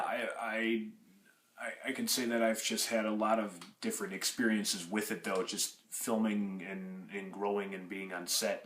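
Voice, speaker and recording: A man's voice: sits low, fairly bright tone, reverberant, slight background noise. A young man in his twenties, from Russia and raised in Michigan, answering audition interview questions in a rambling way, with many restarts and fillers. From Russia, grew up in Michigan. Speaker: acting applicant.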